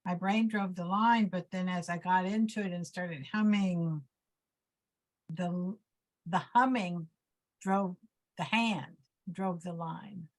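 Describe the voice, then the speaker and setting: A woman's voice: fairly low pitch, slow pace, pauses often. A woman in an art workshop, speaking reflectively about her experience. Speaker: workshop participant. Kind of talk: casual group discussion.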